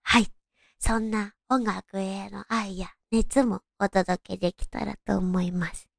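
A woman's voice: medium pitch, steady tone, slow pace, vocal fry, no echo, studio quality. A young woman with a cute, distinctive anime-like voice, hosting a casual solo talk and introducing herself in a polite, friendly way. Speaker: host of a solo audio show.

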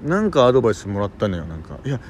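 A man's voice: fairly low pitch, racing, slight background noise. A young man co-hosting a casual chat, telling childhood stories and acting out the lines of people he quotes. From Japan, Tokyo. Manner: lively storyteller, acts out quotes. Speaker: podcast co-host.

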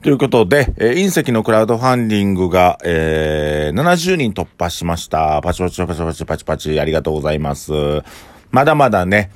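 A man with a Kansai accent, a restaurant owner hosting his own podcast in a relaxed, rambling way with many filler sounds. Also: low voice, fairly quick, no room sound. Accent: Kansai Japanese. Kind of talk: casual solo podcast talk.

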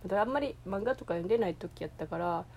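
A woman's voice: mid-range voice, lively intonation, fast talker, creaky, a little mellow, a little hiss or hum. A woman with an Osaka Kansai accent, chatting alone in a rambling, hesitant way, full of fillers and restarts. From Osaka, Japan. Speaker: podcast host. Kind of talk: casual solo chat.

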